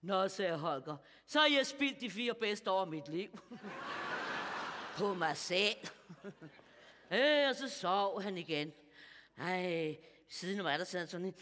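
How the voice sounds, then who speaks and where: A woman's voice: medium pitch, fairly bright tone, natural voice. A woman playing a bawdy, chatty old lady on stage. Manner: gossipy, bawdy, confiding, chuckling at her own jokes. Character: bawdy chatty older woman of about seventy. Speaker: comedian. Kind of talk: stand-up character monologue. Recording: stage mic in a hall with audience.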